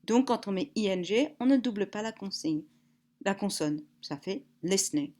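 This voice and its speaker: A woman teaching English, drilling words slowly and explaining grammar more quickly. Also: medium pitch, lively intonation, mellow. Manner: slow, deliberate drill words, then brisk explanations. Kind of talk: recorded language lesson, drilling vocabulary.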